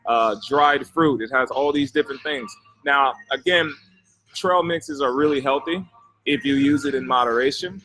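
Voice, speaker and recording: A man's voice: medium pitch, a bit bright, poor audio. Male fitness coach chatting from a gym. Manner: instructive, repeats key points for emphasis. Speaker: fitness coach hosting a live stream. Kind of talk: casual live nutrition talk to viewers. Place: gym, indoors.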